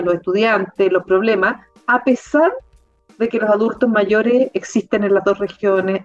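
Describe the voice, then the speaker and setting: A middle-aged Chilean woman from the south of the country, a university rector, talking in an interview with an animated, emphatic manner and frequent fillers. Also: medium pitch, dull audio. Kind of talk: conversational interview.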